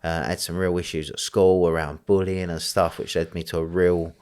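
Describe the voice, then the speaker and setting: A man's voice: sits low, flat delivery, fairly quick, a little mellow. A man from the East End of London with an East London accent, talking in a rambling, conversational way as an interview guest, with many fillers. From East End of London, England. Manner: rambling, frequent fillers, laughs easily.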